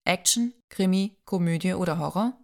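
A woman voicing a gentle, playful young man in love, reading his lines softly in an audiobook. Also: fairly low pitch, normal speed, vocal fry. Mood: tender, teasing. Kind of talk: audiobook dialogue.

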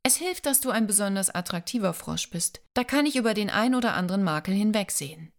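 A young woman in love teases her partner, light and affectionate, as the narrator lifts her voice slightly for her. The lines come from a romance audiobook, read close and clear. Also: mid-range voice, lively intonation, fast talker, close to an everyday voice. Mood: playful, affectionate. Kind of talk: audiobook dialogue.

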